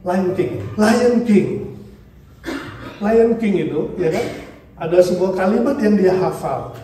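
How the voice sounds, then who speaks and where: A male pastor preaching a sermon in a lively way, asking the congregation questions and mixing in English phrases. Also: high-pitched, slow. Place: church hall. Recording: distant mic in a very echoey church hall, faint noise.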